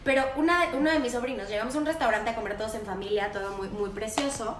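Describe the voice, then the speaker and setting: A woman with a Mexican accent co-hosting a casual chat, telling lively stories and acting out children's voices. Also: on the high side, fast. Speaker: podcast co-host. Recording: echoey room with faint noise.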